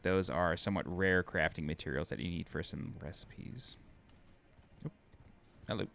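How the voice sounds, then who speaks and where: A man with a New York accent narrates his gameplay in a loose, chatty way, thinking aloud and poking fun at himself. His voice sits low with a gravelly edge, and he sounds a little tired. Faint noise hums under the recording. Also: moderate pace, a bit bright. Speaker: game walkthrough narrator. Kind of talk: casual gameplay commentary.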